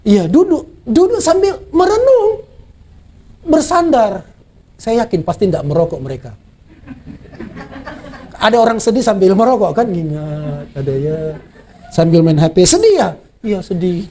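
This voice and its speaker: Male preacher, high, mellow voice, lively delivery, repeats lines, asks the room questions. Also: measured pace, long pauses, slight background noise. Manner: repeats phrases and asks the congregation rhetorical questions. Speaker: pastor. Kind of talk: Easter sermon.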